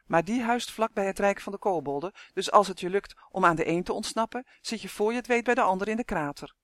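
Casting: a man doing a cheeky little elf, squeaky-high and bouncy, quick and chattering, dry close sound. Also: lively intonation, a bit bright, dry recording. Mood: worried. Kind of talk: audiobook character voice.

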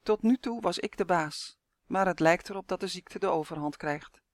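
A man voicing a calm, gentle old lady of eighty. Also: high voice, moderate pace, no room sound, clean studio sound, natural voice. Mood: resigned. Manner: calm, soothing, gently wise. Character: kind frail old woman of eighty.

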